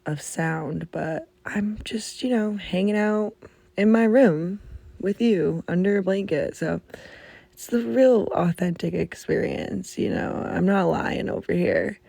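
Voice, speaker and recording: Gravelly young woman ranting casually. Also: mid-range voice, takes it slowly, mellow, no room sound. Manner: chatty, exasperated ranting with swearing. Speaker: podcast host. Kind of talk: casual chat. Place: bedroom, under a blanket. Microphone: muffled under a blanket.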